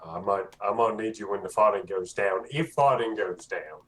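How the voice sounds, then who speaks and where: A man's voice: on the low side, normal speed, fairly bright tone. A man chatting casually as a player in a tabletop game, playful and prone to repeating himself.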